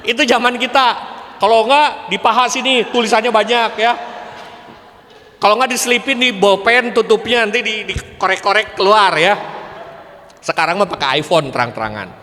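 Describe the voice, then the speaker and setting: A middle-aged man giving a lively parenting seminar as an educator, animated, often laughing and acting out parents and students. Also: high-pitched, moderate pace, a little hiss or hum. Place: church hall. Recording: long hall reverb.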